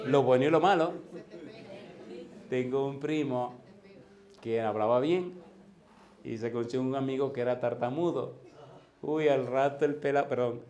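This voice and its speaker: A man in his fifties preaching a sermon as a pastor, in a lively way that keeps putting questions to the congregation. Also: medium pitch.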